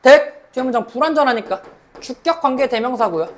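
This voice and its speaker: A woman lecturing as a cram school English teacher, reading English sentences slowly, then explaining them in Korean and checking in with her students. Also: sits high, lively intonation. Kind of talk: mock exam explanation lecture.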